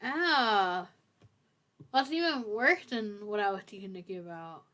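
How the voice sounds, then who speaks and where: A woman's voice: mid-range voice, unhurried, fairly bright tone. A woman hosting a casual writing livestream, playfully teasing her co-host and laughing often. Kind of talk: casual chat.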